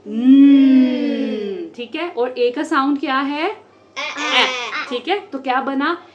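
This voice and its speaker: Slow-speaking woman teaching phonics. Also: sits high, dull audio, noisy background. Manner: slow, drawn-out sounding of letters. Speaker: homeschool teacher. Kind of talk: phonics lesson demo. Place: home.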